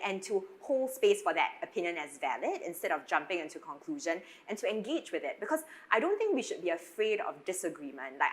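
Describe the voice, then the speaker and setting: Low-pitched Singaporean woman, earnest and articulate. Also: a bit bright. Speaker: educator on a discussion panel. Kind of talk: panel discussion.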